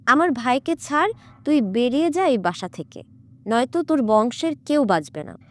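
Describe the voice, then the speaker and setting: A woman voicing an angry male jinn possessing a young man in a horror audiobook, shouting threats and later pleading tearfully. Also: high-pitched, expressive, normal speed. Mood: furious. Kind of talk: audiobook character voice.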